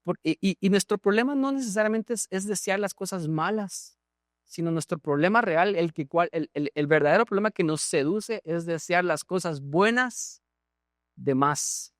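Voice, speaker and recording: A Guatemalan pastor preaches to his congregation, throwing questions at the listeners and doubling back on his words as he goes. His voice sits a little high for a man. The sound is dry and close, with little room echo. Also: normal speed. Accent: Guatemalan Spanish. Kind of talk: sermon. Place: church.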